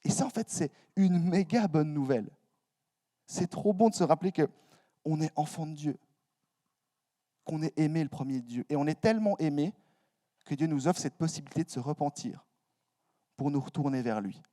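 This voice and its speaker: Young guy preaching in a church hall, laid back and jokey, mellow kinda dark tone, sits a bit high. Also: normal speed, pauses often. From Switzerland. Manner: casual, youthful slang, self-mocking asides. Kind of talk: sermon.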